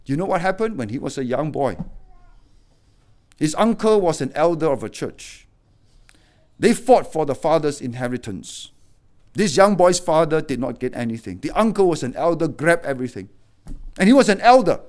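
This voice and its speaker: A middle-aged male pastor delivering a sermon in a fairly high voice. He preaches emphatically, rising into loud, urgent appeals and then dropping to quiet, grave warnings. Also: big pitch swings, normal speed, long pauses.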